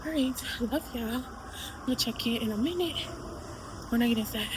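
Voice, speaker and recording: A woman's voice: a little high, normal speed, noisy background. Chatty young woman vlogging to her phone. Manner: chatty, addresses viewers as y'all. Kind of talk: casual vlog chat.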